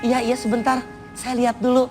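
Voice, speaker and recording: A woman's voice: fairly high pitch, little pitch movement, brisk, over music, close to an everyday voice. A woman playing a flustered young receptionist who fields a visitor in a TV studio sketch.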